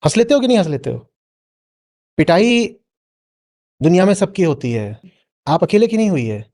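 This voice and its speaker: Very animated and speaking at a normal speed, a high-pitched man with a darkish tone answers an audience member during a live discourse. As a spiritual teacher, he keeps prodding his listener with questions, tossing in "hmm?".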